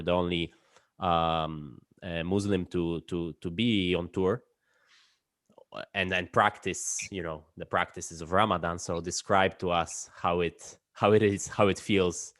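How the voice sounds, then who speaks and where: A man with a fairly low voice hosts a casual interview. He asks informally, reworking his questions mid-sentence, and is recorded dry with very little room sound. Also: fairly even intonation, a little slow, fairly bright tone, no echo. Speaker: interviewer, host.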